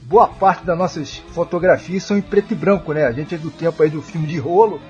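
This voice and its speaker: A male radio host with a slightly higher voice, introducing tracks in an easy, conversational way. The sound is a bit muffled, with faint music underneath. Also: a little fast, darkish tone. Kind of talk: radio show presenting.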